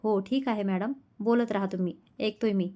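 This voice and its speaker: A woman's voice: medium pitch, moderate pace, mellow, lightly acted. A woman voicing a young husband in a romance storybook reading, speaking in an affectionate, playful way. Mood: tender. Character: young husband, tender and teasing.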